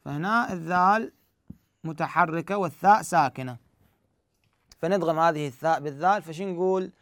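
A man walks learners through recitation rules one step at a time. His voice sits high with a gravelly edge, yet stays smooth and resonant, recorded dry and close. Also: moderate pace, fairly bright tone, no room sound. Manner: explains step by step, asks himself questions and answers them. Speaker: Quran recitation teacher. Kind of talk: tajweed lesson.

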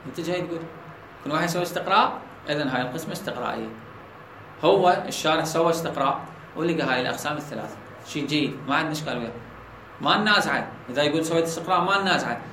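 A man with an Iraqi Arabic accent teaching a logic lesson, often asking his students whether the point is clear. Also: fairly high pitch, rapid-fire, bright, forceful tone, a little hiss or hum. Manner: asks students checking questions. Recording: echoey room with faint ambience.

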